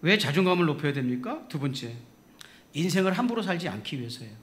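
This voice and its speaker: Lively man preaching a sermon. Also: on the high side, quick pace. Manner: animated storytelling with laughter. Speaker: pastor. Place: church sanctuary.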